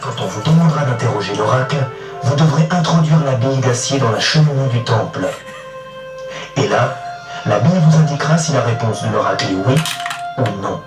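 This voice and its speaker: A man's voice: medium pitch, expressive, brisk, natural voice. A male actor playing a solemn, mysterious temple oracle in a board game recording, speaking in a portentous, prophetic trance-like manner. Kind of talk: scripted board game CD narration. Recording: very echoey, distant, music behind. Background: clear music.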